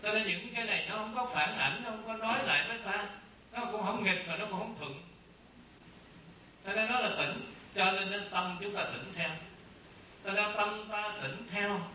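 A man's voice: high voice, sharp tone, slight background noise. Man teaching in a very echoey room. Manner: slow, repetitive teaching with rhetorical questions. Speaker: Buddhist monk teacher. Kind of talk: dharma talk. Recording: very echoey distant room sound, faint ambience.

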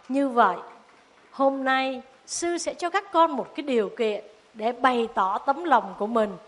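A Buddhist nun, telling a story to children in a dharma talk and asking them questions. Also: female voice, sits high. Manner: animated, asks the children questions.

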